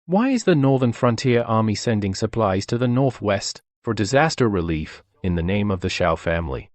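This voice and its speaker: Man acting a volatile, imperious emperor, wildly swinging pitch. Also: lively intonation, normal speed, no echo, lightly acted. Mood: incredulous, furious. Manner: imperious, demanding, explosive. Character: volatile, imperious male emperor losing his grip. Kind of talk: dubbed period drama acting.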